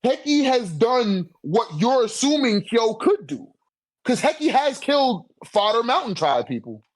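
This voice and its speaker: A man with a very high, very animated voice speaks a little slowly as he argues his view on a manga ranking. His tone is informal and slangy, and he repeatedly seeks the listener's agreement. The audio is dry and poor in quality.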